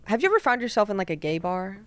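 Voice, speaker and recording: A woman's voice: mid-range voice, big pitch swings, racing, slight background noise. A woman in her twenties hosting a podcast, chatting casually and telling stories in which she acts out what other people said, laughing often. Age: 20s. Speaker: podcast host. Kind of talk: casual chat.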